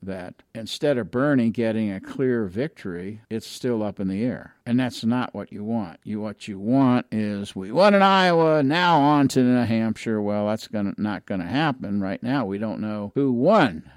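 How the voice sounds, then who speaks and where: A man's voice: fairly low pitch, normal speed, few pauses, darkish tone, no echo, clean studio sound. A man giving solo political commentary in an opinionated, emphatic way, with frequent restarts.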